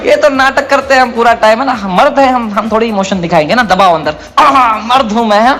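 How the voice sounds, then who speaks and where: A man doing stand-up storytelling, swinging between a mock-solemn low voice and loud excited outbursts. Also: fairly quick. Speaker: stand-up comedian. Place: comedy stage before a live audience. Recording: live club with loud music and crowd laughter. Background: audience laughter and music.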